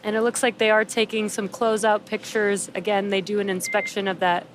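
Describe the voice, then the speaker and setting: A woman's voice: medium pitch, flat delivery, fairly quick, rough recording. A woman hosting a live webcast with explanatory, conversational commentary. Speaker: webcast host. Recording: faint background noise.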